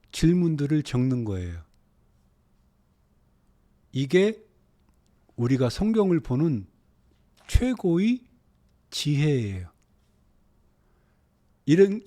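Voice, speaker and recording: A man teaching a Bible lesson, dropping to hushed low phrases and then rising into urgent exhortation, with Hebrew words read out slowly. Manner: slow, drawn-out reading of Hebrew words.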